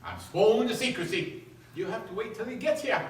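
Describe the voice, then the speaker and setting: A man's voice: high-pitched, lively intonation, normal speed. Man acting a chatty handyman, out of breath, folksy, echoey stage, far from mic. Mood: cheerful. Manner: folksy and talkative. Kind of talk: community stage play acting. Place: theater stage in a hall. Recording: echoey hall, miked from far off.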